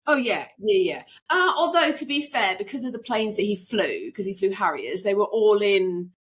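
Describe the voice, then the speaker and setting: A woman's voice: medium pitch, lively intonation, moderate pace, breathy edge. A middle-aged woman from England, chatting casually as a podcast guest, rambling with fillers. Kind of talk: casual interview chat.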